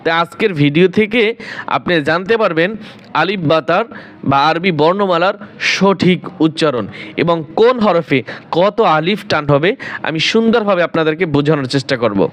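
A man's voice: fairly high pitch, moderate pace, a bit bright. A man teaching Quran reading, taking the viewer through the Arabic letters one by one, asking questions and answering them himself. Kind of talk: Arabic alphabet pronunciation lesson.

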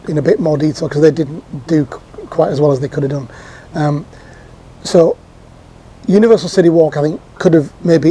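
A man's voice: a little high, mellow, breathy edge. A man in his fifties giving a casual, chatty recap to camera from an outdoor patio sofa, with frequent ums and restarts. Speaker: theme park vlogger.

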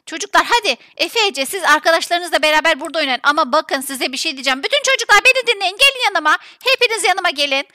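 A woman's voice: extremely high pitch, expressive, quick pace, few pauses, sharp tone, dry recording, studio quality. A woman hosting a family game role-play as the mother, fussy and motherly, narrating her chores aloud and calling out in alarm when a child is missing.

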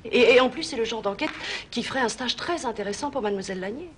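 Une actrice jouant une patronne enjôleuse au débit rapide. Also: female voice, on the high side, expressive, slight background noise, close to an everyday voice. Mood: coaxing. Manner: coaxing, wry. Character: persuasive female agency boss. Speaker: boss of an insurance investigation firm.

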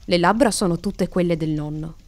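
A woman's voice: on the low side, moderate pace, darkish tone, lightly acted. A woman voicing a doting elderly grandmother who fondly murmurs over a baby in a storybook reading. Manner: fond, murmuring.

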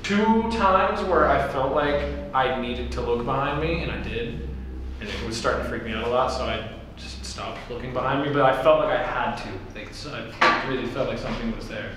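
A man's voice: medium pitch, fairly quick. A young man chatting casually as a ghost hunter on a night vlog in an empty building. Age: young adult. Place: abandoned building room at night. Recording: very echoey empty building, clear noise.

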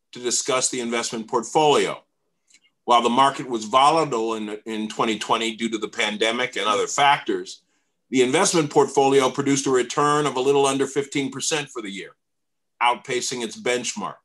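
A man's voice: medium pitch, a bit bright, low-quality recording. Man reading a formal board report. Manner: reads prepared remarks steadily. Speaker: trustee giving a foundation report. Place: home room on a video call.

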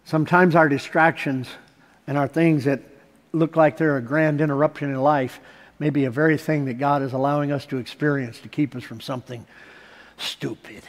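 A man's voice: fairly high pitch, fairly even intonation, normal speed. A middle-aged man preaching a sermon from a church stage, telling a story and building to emphatic points. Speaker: pastor. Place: large church stage with audience. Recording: long church hall reverb.

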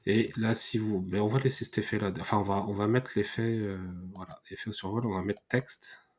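Male tutorial host, lower pitch, hesitant thinking-aloud delivery, keyboard clicks in background. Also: steady tone, brisk. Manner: hesitant, many fillers and restarts, thinking aloud. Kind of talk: screen-recorded software tutorial. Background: mouse clicks and typing.

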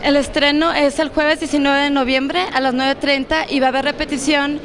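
A woman's voice: high-pitched, flat delivery, moderate pace. A young woman from Mexico, an actress and series creator, speaking earnestly and reflectively with fillers into a handheld mic at a press event. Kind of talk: press interview. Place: event press wall, indoors. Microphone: handheld reporter mic. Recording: crowd chatter behind.

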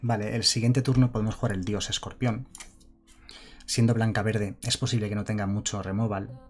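A man's voice: on the low side, steady tone, normal speed, a little mellow. A man commenting live on his card game, chatting casually and reading viewer messages aloud. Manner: chatty, reads chat aloud and thanks followers. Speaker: streamer.

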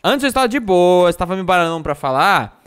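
A man's voice: high voice, lively intonation, fast talker, fairly bright tone, smooth. A young man with a Brazilian accent streaming a game live, shrieking and cursing when startled and laughing often. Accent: Brazilian Portuguese. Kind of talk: live gameplay commentary.

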